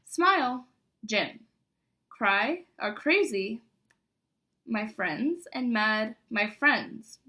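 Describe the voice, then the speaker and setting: Bright, high-voiced embarrassed young woman reading aloud. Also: animated, extremely slow, long pauses. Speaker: vlogger. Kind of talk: casual chat, reading aloud from an old childhood diary.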